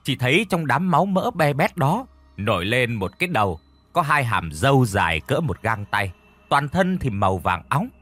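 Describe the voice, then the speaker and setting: A man's voice: mid-range voice, very animated, moderate pace, fairly bright tone, no room sound. A man narrating a horror story in a vivid, dramatic style.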